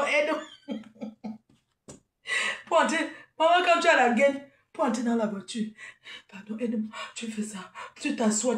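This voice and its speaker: Combative high-voiced woman, echoey room. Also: distant mic. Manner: combative, mocking, laughing. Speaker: event promoter. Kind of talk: live video rant.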